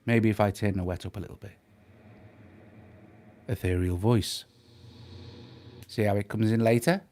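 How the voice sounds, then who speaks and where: A man's voice: on the low side, fairly even intonation. A man casually demonstrating audio effects on a live stream, his voice run through a dreamy, distant-sounding reverb. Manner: unhurried, testing his voice out loud. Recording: long reverb tail with faint ambient noise.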